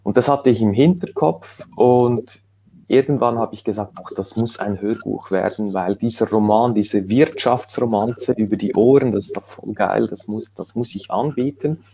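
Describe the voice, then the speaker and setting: A man, an author telling his story in a relaxed interview, rambling with many fillers and restarts. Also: fairly low pitch, normal speed, gravelly, slight background noise. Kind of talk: casual conversational interview.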